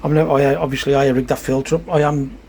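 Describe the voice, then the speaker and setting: A medium-pitched, darkish male voice delivers flat, quick narration as he rambles, exasperated, about his pond pump. The hobbyist koi keeper is shooting a casual phone vlog outdoors during heavy rain, with faint rainfall and outdoor ambience in the background.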